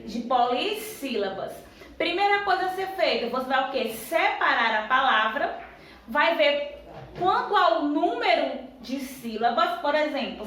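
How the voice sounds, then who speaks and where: A woman teaching a lesson to young children. She asks questions and answers them herself, and she counts syllables aloud slowly. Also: high voice, a bit bright, slight background noise. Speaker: primary school teacher. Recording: very echoey room, voice far from the mic.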